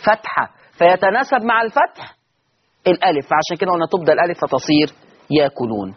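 A man with an Egyptian Arabic accent gives a fast-moving recitation lesson in a fairly high, husky voice. He drills each point by repeating it and answers his own questions. The recording is dull and lo-fi. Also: lively intonation. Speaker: Quran recitation teacher. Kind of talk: didactic lesson.

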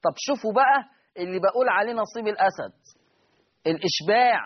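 A man with an Egyptian accent and a high voice teaches a recitation lesson. He explains step by step, repeats key points and quizzes his students. The recording sounds slightly muffled and lo-fi. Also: animated, quick pace. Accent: Egyptian Arabic.

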